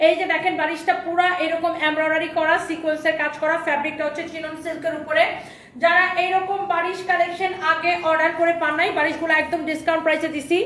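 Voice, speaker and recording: A woman selling clothes on a live stream, repeating prices in a quick pitch, her throat sore and strained. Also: little pitch movement, a bit bright, roomy sound, far from the mic, slight background noise. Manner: fast repetitive sales pitch, repeats prices. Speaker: online clothing seller.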